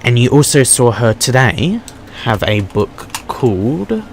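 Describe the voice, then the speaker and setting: A man's voice: mid-range voice, sing-song, measured pace, gravelly, a little hiss or hum. A man narrating a tabletop game as game master, describing scenes and calling for dice rolls over voice chat.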